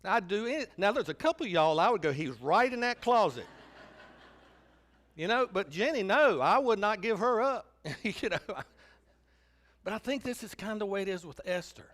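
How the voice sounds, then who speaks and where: A man's voice: sits high, brisk. A man preaching a sermon as pastor, telling stories animatedly and acting out the quotes. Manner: animated storytelling, acts out quotes.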